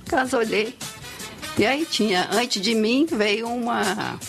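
A woman who tells stories and writes children's books, talking expressively in a relaxed interview, often ending phrases with a tag question. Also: fairly high pitch, slow pace, creaky, soft background music. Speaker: storyteller and children's author, guest. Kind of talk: conversational interview.

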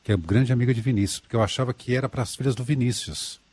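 A man co-hosting a radio talk show, replying in a relaxed, casual way. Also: mid-range voice, racing, slightly rough, no echo. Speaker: radio co-host. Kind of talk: casual on-air chat.

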